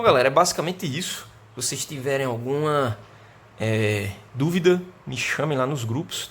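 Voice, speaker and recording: A Brazilian man, an English teacher, explaining grammar in a remote school lesson and slowing down to say the example sentences. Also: mid-range voice, a bit bright, a little hiss or hum.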